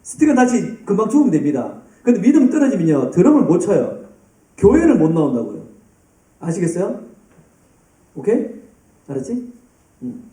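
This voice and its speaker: Male youth pastor, lively sermon, dark mellow tone, echoey church hall from a distance. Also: sits high, normal speed, pauses often. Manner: lively, addresses students by name and acts out scenes.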